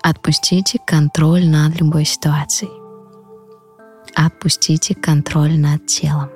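A woman yoga teacher guiding a breathing meditation, slowly counting breaths and leading relaxation. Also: low-pitched, darkish tone. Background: music.

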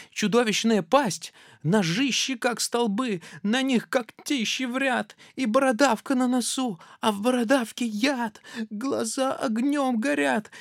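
A storyteller putting on a tiny, clever, boastful mouse with a squeaky, singsong voice. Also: creaky, fairly bright tone, no echo, clean studio sound. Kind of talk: storybook reading.

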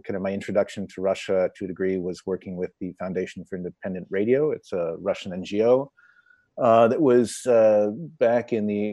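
Low-voiced man, calm and unhurried. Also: no echo. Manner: relaxed, searching for words with frequent ums. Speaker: radio producer and journalist. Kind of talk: panel discussion over video call. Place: Moscow.

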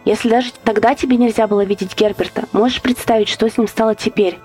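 A woman's voice: fairly high pitch, steady tone, breathy edge, faint music behind. Woman doing a trembling old husband. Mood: fearful. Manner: slow, stammering, hushed. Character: frightened weary old man, trembling husband.

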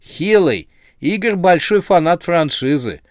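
A man's voice: fairly high pitch, expressive, unhurried, dry recording, clean studio sound, pitched above the performer's own voice. A man voicing a cheerful, teasing male worker from a monster factory in a horror audiobook. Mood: confiding.

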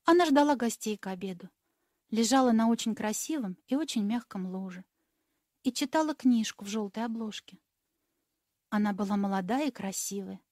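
A woman reading a classic dark story aloud as audiobook narrator, measured and expressive. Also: medium pitch, dry recording, clean studio sound.

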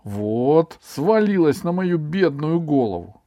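A man reading a storybook, voicing a lazy, dramatic schoolboy in a high, whiny voice. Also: big pitch swings, slow pace, dark tone. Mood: whining. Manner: whiny, high-pitched, theatrical wailing.

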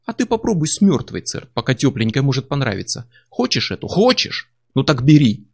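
Жестокий насмешливый варвар-воин, которого озвучивает чтец-мужчина, с хрипловатым скрипучим голосом. Говорит с издёвкой, глумливо и злобно, как в мрачной аудиокниге. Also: male voice, medium pitch, brisk, creaky, husky. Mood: mocking. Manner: sneering, taunting, cruel. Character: brutal mocking male barbarian warrior.

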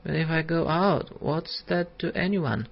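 A man's voice: fairly high pitch, animated, a little slow, creaky, voice pushed up, exaggerated voice. A man voicing a distraught older doctor who begs, timid and quavering, to be let out. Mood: pleading. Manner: pleading, quavering. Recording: dull lo-fi audiobook recording.

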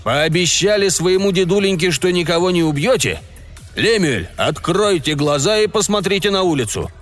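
A self-important alderman, put on by a man reading a storybook aloud drawls out his threats slowly. The voice sits on the high side and swings widely in pitch. Faint music plays beneath the reading. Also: expressive, fairly bright tone. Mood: gloating. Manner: slow, menacing, self-important. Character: pompous vengeful middle-aged male alderman. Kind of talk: audiobook character voice.

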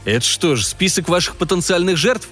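A man's voice: sits high, expressive, fairly quick, a bit bright, faint music behind, voice pushed up. A man doing a dry, mocking everyman. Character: ordinary mocking middle-aged American man.

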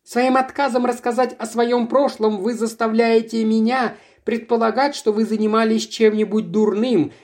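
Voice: mid-range voice, fairly even intonation, normal speed, few pauses, a little mellow, voice pushed up, close to an everyday voice. A reader voicing a haughty, touchy young woman who scolds her family's chauffeur in a raised, imperious voice. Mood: indignant.

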